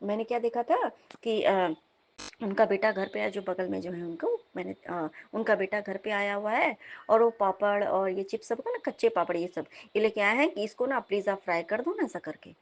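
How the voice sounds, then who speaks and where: A young woman, telling of a dream as devotional testimony in a lively storytelling manner, often turning to her listeners. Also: medium pitch, moderate pace. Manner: animated storytelling, repeatedly addressing listeners. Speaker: devotee sharing a dream at satsang.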